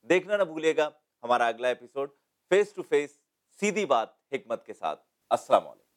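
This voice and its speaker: A man's voice: mid-range voice, very animated. Man hosting a formal TV interview. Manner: measured, formal, poses long questions. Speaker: TV interview host. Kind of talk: studio TV interview questions.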